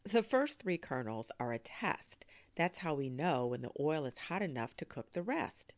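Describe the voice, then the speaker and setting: A woman voicing a kind, patient grandmother in a read-aloud children's story, speaking gently. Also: sits low, very animated, moderate pace, no room sound. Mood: gentle.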